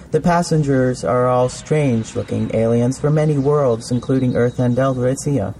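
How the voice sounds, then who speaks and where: A man's voice: mid-range voice, warm tone, a little hiss or hum. Man narrating a campy space tale. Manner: playful, campy storytelling. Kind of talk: scripted narration.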